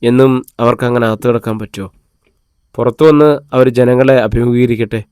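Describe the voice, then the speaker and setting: A man's voice: medium pitch, steady tone, moderate pace, a little mellow, clean tone, dry recording, lightly acted. Man voicing a fierce young leader, commanding, urgent, dry close recording, audiobook. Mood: steady. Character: young male village hero, fierce and protective.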